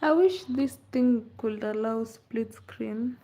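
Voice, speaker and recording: Woman host, slow drawling playful chat, mellow higher voice, dull lo-fi audio. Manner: playful and teasing, laughs often. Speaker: livestream host. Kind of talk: casual live chat answering comments.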